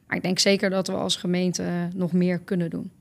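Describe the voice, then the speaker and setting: A woman municipal adviser giving measured, unscripted answers in an interview. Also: on the low side, completely flat delivery, creaky. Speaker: guest, municipal strategic adviser.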